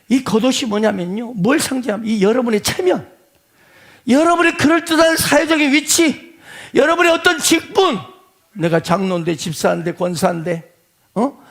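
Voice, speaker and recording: A man preaching a sermon in a strikingly high, gravelly voice. His pitch leaps around, and he drops into quiet asides before rising to shouted, pleading calls. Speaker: pastor.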